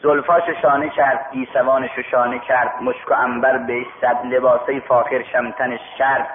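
A man's voice: medium pitch, little pitch movement, slight background noise. A man preaching a sermon, retelling a religious story and acting out its dialogue. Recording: echoey tinny radio broadcast.

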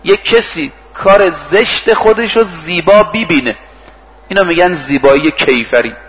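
A man's voice: sits high, big-room sound, lo-fi sound. A male preacher giving a sermon. He retells stories, acts out the speakers' lines and recites Arabic verses. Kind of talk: sermon with storytelling.

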